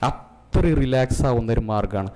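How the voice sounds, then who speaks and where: A man's voice: mid-range voice, lively intonation, normal speed, dark tone. A man with a Malayali accent teaching an emotional intelligence class, questioning the audience and joking. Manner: asks the audience questions and jokes. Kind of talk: interactive classroom lecture. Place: community centre classroom.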